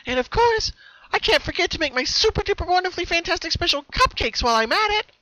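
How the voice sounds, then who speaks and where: Full of scheming glee, this cartoon pony girl bubbles with singsong cheerfulness that hides something sinister. Her voice is squeaky, very bright and high, swinging wildly in an exaggerated, animated, quick delivery. The recording is dry and low in quality.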